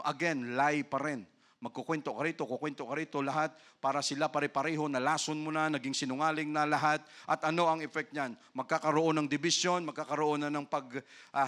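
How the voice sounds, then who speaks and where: A male pastor from the Philippines preaching a sermon, often tagging his lines with a questioning "no?" and drawing out key phrases slowly for emphasis. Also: a little high, bright, forceful tone.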